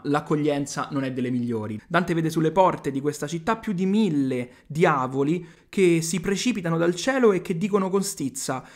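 A man with an Italian accent giving a video lesson, reading old verses aloud and paraphrasing them plainly. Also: fairly high pitch. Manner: reads verses then explains them plainly. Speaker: literature teacher.

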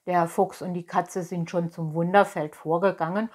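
A woman's voice: fairly low pitch, fairly even intonation, moderate pace, a little mellow, close to an everyday voice. A woman voicing a brusque adult male innkeeper in a storybook reading, firm and businesslike.

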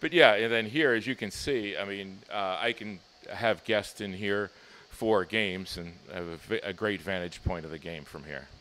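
A man's voice: fairly low pitch, moderate pace, bright, forceful tone, slight background noise. A middle-aged man from Pittsburgh, a team president, answering interview questions in an easygoing way with frequent fillers, into a handheld mic. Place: stadium offices and deck. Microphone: handheld mic held by interviewer.

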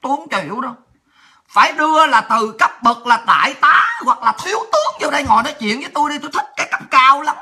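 A woman delivers a profane ranting monologue. She talks very fast and brashly, and her voice is piercing and hard-edged. Laughter and shouts keep breaking through. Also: sits high, very animated. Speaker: political livestreamer.

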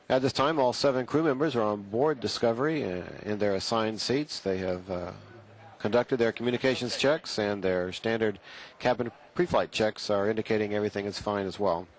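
A man giving live commentary on a launch from a control room. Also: fairly low pitch.

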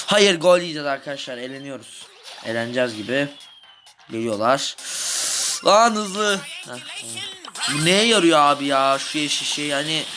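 A young man giving excitable live commentary over his own gameplay, shouting at goals and groaning at misses. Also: fairly high pitch, noisy background. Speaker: gaming video host. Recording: game music playing behind.

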